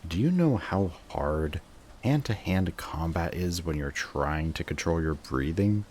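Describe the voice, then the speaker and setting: A man acts out a bitter, guarded male villain in an audio roleplay monologue. His voice sits very low and moves very slowly, with intense, sardonic delivery and dramatic pauses. Clear background noise sits behind the voice. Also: expressive, a little mellow. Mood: anguished, confessing. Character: bitter adult male villain, guarded, secretly devoted to rival.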